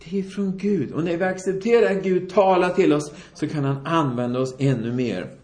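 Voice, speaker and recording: A man delivers a sermon in a slightly high voice, acting out the voices in his stories as he goes. The sound is roomy, with echo from the hall around him. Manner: animated storytelling, acts out quoted voices. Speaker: preacher. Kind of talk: sermon with storytelling. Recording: echoey room.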